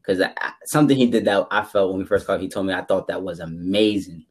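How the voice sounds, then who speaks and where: Fast-talking young man co-hosting a podcast. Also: deep voice, fairly even intonation, husky. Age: 20s. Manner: emphatic, repeats himself for stress. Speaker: podcast co-host. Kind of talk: casual chat.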